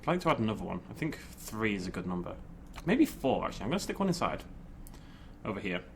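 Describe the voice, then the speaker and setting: A man's voice: fairly low pitch, sing-song, quick pace, vocal fry, a little hiss or hum. A man giving casual, informal game commentary, thinking aloud and playfully talking to the game. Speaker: gaming video host.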